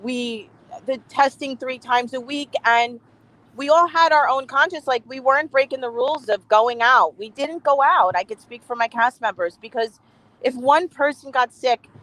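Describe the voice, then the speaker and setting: A woman's voice: high-pitched, lively intonation, moderate pace, fairly bright tone, rough recording. A woman guest on a remote call with a bad connection, chatting emphatically and laughing often. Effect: remote call audio with a bad connection. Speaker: reality TV cast member, guest. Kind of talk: casual chat interview. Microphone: remote video call.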